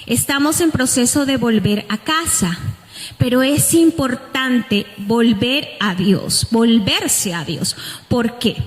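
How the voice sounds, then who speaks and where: A woman's voice: on the high side, slow. A woman with a Colombian accent giving an earnest, heartfelt testimony from a church altar. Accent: Colombian Spanish. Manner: earnest, heartfelt, with lively emphasis. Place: church sanctuary. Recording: long church hall reverb.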